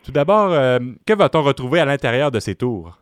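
A man's voice: mid-range voice, big pitch swings, a little fast, slight background noise. A man, working as an interviewer, introducing a topic and putting questions to a guest. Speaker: radio interviewer.

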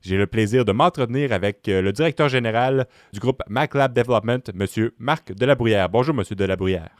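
A man's voice: mid-range voice, fairly quick, no room sound, studio quality. A man, working as an interviewer, introducing a topic and putting questions to a guest. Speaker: radio interviewer.

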